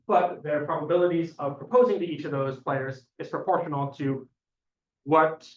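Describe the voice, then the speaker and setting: A man giving an academic thesis defense presentation as a doctoral candidate, explaining in a hesitant, halting way with self-corrections. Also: medium pitch. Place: echoey indoor room. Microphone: distant room microphone. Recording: dull, echoey room, distant mic.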